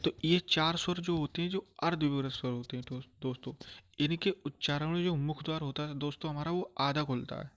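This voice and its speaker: A man teaching a grammar lesson, repeating phrases patiently and slowly sounding out each vowel for his listeners. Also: on the high side, steady tone. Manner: repetitive, calls listeners "friends", checks understanding often.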